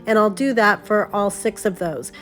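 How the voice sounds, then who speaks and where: Soft music plays as a middle-aged woman, congested with a cold, narrates a casual DIY craft tutorial. Her medium-pitched voice is fairly bright and moderately paced, and she gushes over gifts.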